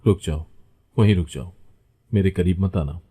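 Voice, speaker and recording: A man's voice: low-pitched, moderate pace, breathy edge. A man voicing a wounded, defiant young bride. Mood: pleading. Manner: sharp, accusing.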